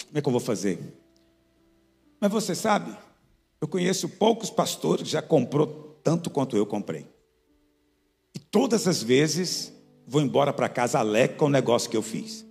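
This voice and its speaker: A man, a pastor, preaching a sermon. He tells stories and moves between quiet asides and high, emphatic peaks. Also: sing-song, normal speed, creaky. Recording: reverberant church hall with soft music.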